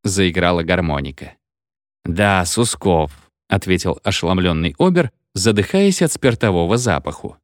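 Expressive male storyteller, dry sound. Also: deep voice, brisk, dry recording. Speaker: narrator. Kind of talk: audiobook reading of satirical story.

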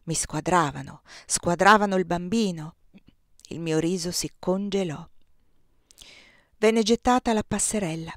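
A woman reading a novel aloud in the first person, with an expressive, lively delivery. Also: fairly low pitch, measured pace, long pauses, no room sound, studio quality. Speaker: audiobook reader.

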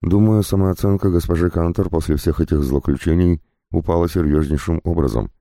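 A man's voice: sits low, a little fast, dark tone, no echo, clean studio sound, pitched above the performer's own voice. A man doing a sly mercenary starship captain. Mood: mocking. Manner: sly, mocking. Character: mocking, seasoned male starship captain, a mercenary.

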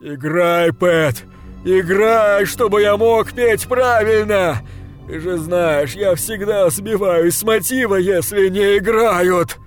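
Drunk desperate man, as a male reader puts him on, tearful, wailing, much higher and louder than the narration, slow drawn-out words. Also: faint music behind. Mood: pleading. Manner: loud, drawn-out, wailing delivery.

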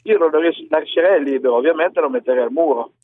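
A man's voice: fairly high pitch, quick pace, no room sound. A male radio caller phoning in from his car on a tinny, speakerphone-like line, blunt and crude, rambling with filler words. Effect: tinny phone line from a car, sounding like a speakerphone. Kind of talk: call-in radio chat. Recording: phone-band call-in audio.

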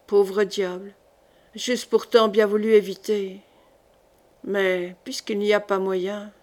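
A woman's voice: mid-range voice, steady tone, normal speed, darkish tone, lightly acted. A woman reading the part of a young male knight in an audiobook, earnest and tense.

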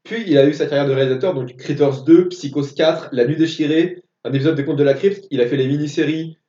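A man's voice: fairly high pitch, fairly even intonation, fast, warm tone. A man co-hosting a casual film podcast, going methodically through facts and dates. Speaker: podcast co-host. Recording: echoey room, distant dull mic.

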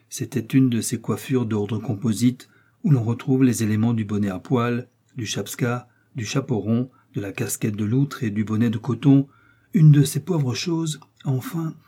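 A man narrates a classic novel in a calm, measured manner. His voice sits in a middle pitch with a dark, slightly husky grain. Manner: measured, even storytelling delivery. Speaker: audiobook narrator. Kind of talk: literary audiobook narration.

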